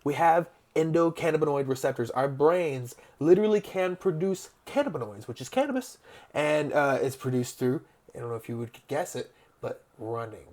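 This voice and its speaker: A man's voice: fairly high pitch, moderate pace, darkish tone. A man in casual conversation, explaining at length with many hesitant fillers. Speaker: guest.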